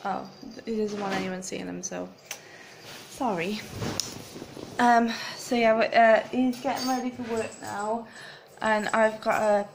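A woman's voice: mid-range voice, steady tone, a little slow, vocal fry, noisy background. A young woman chatting casually in a rambling, giggly way while vlogging on a phone held at arm's length. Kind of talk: casual vlog chat. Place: small flat indoors, then windy street outdoors. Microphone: handheld phone camera at arm's length.

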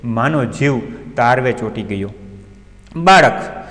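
A man's voice: mid-range voice, a little slow. A male teacher giving an online class, retelling a story and stopping often to explain the meaning of words. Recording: long reverb.

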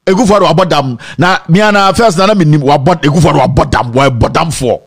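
Faint music plays behind a young Ghanaian host whose husky, fairly high voice runs a little fast. In a Ghanaian accent, blending English and Twi, he delivers animated, sarcastic commentary from an indoor studio set, bursting into laughter and sing-song ridicule.

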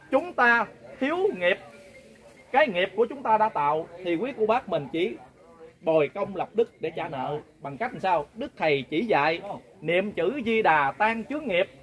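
A man's voice: high-pitched, animated, normal speed. A man with a Southern Vietnamese accent leading a pilgrim group, telling a folksy, earnest story-sermon and often turning to his listeners. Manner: folksy, earnest, keeps addressing listeners directly. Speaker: pilgrimage group leader and lay preacher.

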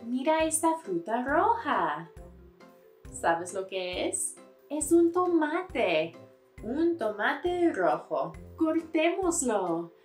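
Slow, lively woman teaching toddlers. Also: high voice, roomy sound, faint music behind. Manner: exaggerated, encouraging, repeats words slowly. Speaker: children's Spanish teacher.

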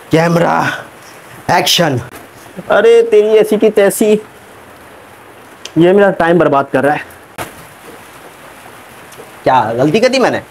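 A man playing a fed-up shouting film director. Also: a little high, slight background noise, poor audio. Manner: scolding, exasperated, calls out cues slowly. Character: impatient shouting male film director, adult. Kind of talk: comic short film acting.

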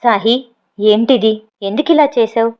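A caring young woman speaks to her friend in a gentle, coaxing way, as a woman narrator reads her. The voice is a bit high, and the sound is dull and lo-fi. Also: unhurried, clear, resonant tone, lightly acted. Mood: worried coaxing.

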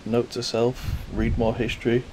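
A man giving casual, low-key commentary as he walks around outdoors with a handheld camera, a little self-deprecating. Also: flat delivery, moderate pace. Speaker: vlogger. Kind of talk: casual walk-and-talk commentary. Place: outdoors in a windy churchyard. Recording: strong wind noise on microphone. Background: wind, rustling leaves.

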